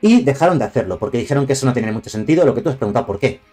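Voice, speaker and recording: A man's voice: medium pitch, lively intonation, very fast, warm tone, faint music behind. A man from Spain with a Castilian accent, chatting casually and digressively on a live stream, reviewing cards and greeting viewers. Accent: Castilian Spanish.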